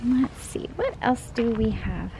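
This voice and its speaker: A woman's voice: a little high, unhurried. A young woman giving a casual, enthusiastic tour of her backyard vegetable garden, filmed outdoors on a handheld camera while she walks. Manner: chatty and enthusiastic, pointing things out as she walks. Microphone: handheld camera, filming while walking. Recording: outdoor camera audio with clear background noise.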